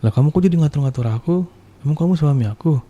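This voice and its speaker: Cowok lagi niruin pacar cewek yg sewot, nada protes merengek. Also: female voice, deep voice, rapid-fire, warm tone, pitched above the performer's own voice. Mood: annoyed defensive. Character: defensive young woman, irritated girlfriend.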